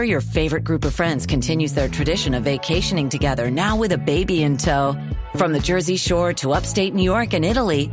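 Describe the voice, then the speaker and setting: Female ad announcer, low voice over music. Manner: polished, even promotional delivery. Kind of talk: scripted ad read.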